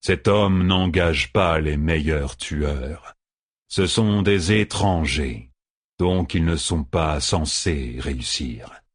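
A man plays a gruff, middle-aged tavern keeper in a fantasy audiobook, deep and unhurried. He speaks slowly and quietly, in a husky voice. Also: no echo, studio quality, full character voice. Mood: grim. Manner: slow, low and measured.

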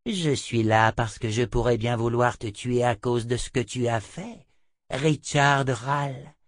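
A man's voice: mid-range voice, unhurried, dry recording, studio quality, lightly acted. A man reading an audiobook, voicing an old female seer who speaks coldly and imperiously. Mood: threatening. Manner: cold, cutting, imperious. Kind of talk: audiobook character voice.

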